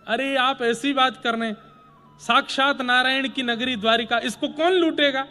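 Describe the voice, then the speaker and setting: An eager courtier, as a man voices him in a sacred story presses his questions in disbelief, with a lilt. The voice sits high and rises louder. Soft music plays faintly behind. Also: fairly even intonation, moderate pace, in a large hall. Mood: incredulous. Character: eager devoted male courtier, urging.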